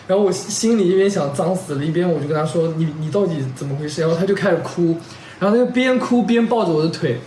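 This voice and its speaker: Fast-talking young man, roomy echo. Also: high voice, darkish tone, a little hiss or hum. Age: young adult. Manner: rambling, strings clauses with "and then", checks in with listeners. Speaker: vlogger telling a couple story. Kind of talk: casual storytelling.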